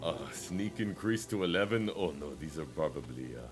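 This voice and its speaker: Male gaming host, mid-pitched and animated, casual playful commentary with jokey asides, faint music underneath. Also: moderate pace. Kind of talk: casual let's play commentary. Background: faint game music.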